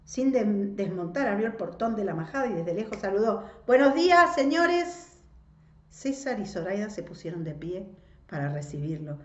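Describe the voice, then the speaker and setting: A woman, reading a novel aloud and commenting on it in a measured, explanatory way. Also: medium pitch, mellow. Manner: measured, explanatory, rhetorical tags. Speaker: literature reader and teacher. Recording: echoey, muffled home recording.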